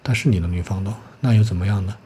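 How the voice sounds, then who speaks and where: A man reading a storybook's smug male police clerk, who explains legal procedure in a dry, official manner and a low voice. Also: rapid-fire, mellow, a little hiss or hum, close to an everyday voice.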